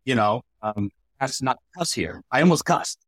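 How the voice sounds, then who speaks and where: A man's voice: mid-range voice, animated, moderate pace, dry recording, studio quality. A man who does comedy, telling a club story in casual chat and mimicking the crowd. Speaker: comedian guest.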